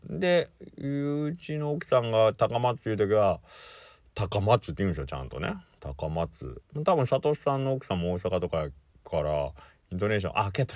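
A man's voice: lowish voice, no room sound, clean studio sound. A man from Kagawa with a Sanuki accent, chatting casually and rambling on a solo podcast as a shop owner, playfully repeating words. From Kagawa, Japan.

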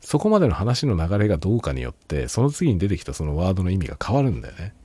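Tipsy guy rambling on his own show, low husky voice, swings up and down a lot. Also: huge pitch swings, rapid-fire, mellow. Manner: rambling, tipsy, laughs often. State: drunk. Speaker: podcast host. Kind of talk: casual solo chat.

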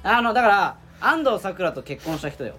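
A man's voice: sits high, big pitch swings, a little fast, sharp tone, faint music behind. A young man co-hosting a casual comedy podcast, telling stories and insisting on his point with laughs. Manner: chatty storyteller, laughing, insistent. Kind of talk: casual chat.

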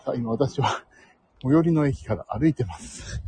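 Breathless man muttering softly while walking. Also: medium pitch, animated, moderate pace, breathy edge, no echo, rough recording. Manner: talking softly under his breath. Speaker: live stream host. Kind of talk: casual live-stream chat while walking. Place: outdoors, walking home from the station. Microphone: phone mic.

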